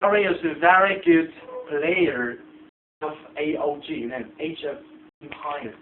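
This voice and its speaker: A man's voice: fairly high pitch, a little slow. A man from China with a Chinese accent, interviewing in English with many hesitations and restarts. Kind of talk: halting casual interview. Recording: tinny lo-fi echoey room, some noise.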